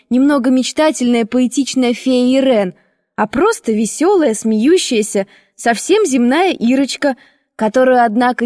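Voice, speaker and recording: Woman narrating an audiobook, fairly high voice. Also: no echo, studio quality, in a large hall. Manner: measured, expressive storytelling. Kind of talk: first-person audiobook narration.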